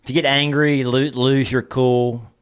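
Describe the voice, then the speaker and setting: A man who is a pastor, co-hosting a casual conversation and leading a lesson in a measured way, walking through numbered points. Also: medium pitch, level tone, clear, resonant tone. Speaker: pastor and podcast co-host.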